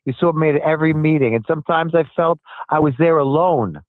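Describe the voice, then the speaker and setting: A man's voice: on the high side, fairly quick, dry recording. Older man on a tinny phone line. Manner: earnest, emphatic, repeats his points. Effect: heard over a cell phone line. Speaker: city commissioner calling in as a guest. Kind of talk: phone-in interview answers.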